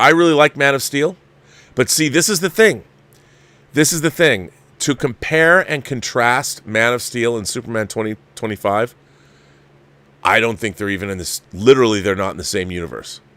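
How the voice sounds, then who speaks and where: A man hosting a livestream reviews a film with casual commentary and answers viewers, often restarting sentences and repeating phrases for emphasis. His voice is on the low side and a bit bright.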